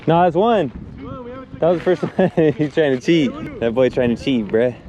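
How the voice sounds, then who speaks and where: A man's voice: fairly high pitch, animated, normal speed, highs cut off. A young man chatting casually to his viewers in a slangy, laid-back way, from his car and outdoors at a ballfield. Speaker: car vlogger. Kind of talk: casual vlog chat. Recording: loud road and outdoor noise.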